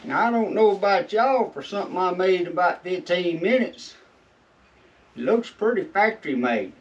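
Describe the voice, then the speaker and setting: In a casual how-to vlog filmed in a shed, a Southern US man talks in a folksy drawl, his words a bit muffled by chewing tobacco in his lip. His voice is high and animated at a moderate pace, picked up by a distant mic with dull, lo-fi sound.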